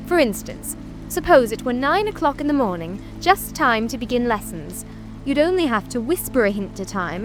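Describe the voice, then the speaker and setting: High-pitched, swooping, eccentric Mad Hatter. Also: female voice. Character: mad Hatter, grumbling, mournful, whimsical tea-party eccentric. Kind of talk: full-cast dramatic audiobook reading.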